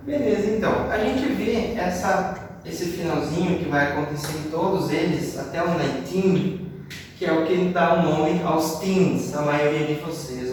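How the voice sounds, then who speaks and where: Man from Brazil, teacher, high voice, slow deliberate drilling, echoey room, distant mic. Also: a little mellow, a little hiss or hum. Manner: explains step by step, repeating words slowly for drill. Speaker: English teacher. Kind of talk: classroom lesson. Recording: roomy echo, voice off-mic with long reverb.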